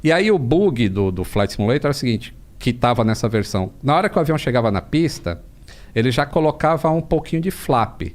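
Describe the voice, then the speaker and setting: Animated Brazilian man telling stories. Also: mid-range voice, brisk. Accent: Brazilian Portuguese. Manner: animated storytelling with frequent slang and swearing. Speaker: podcast guest, aviation creator. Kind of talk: casual podcast chat. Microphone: studio podcast mic.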